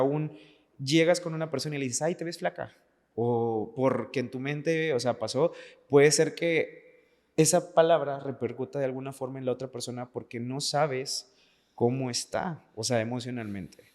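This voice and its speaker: On this podcast, a dancer from Veracruz, about thirty years old, speaks in a medium, slightly mellow voice at a moderate pace. He is earnest and personal, repeating words to emphasize them, and the sound has a hall-like reverb.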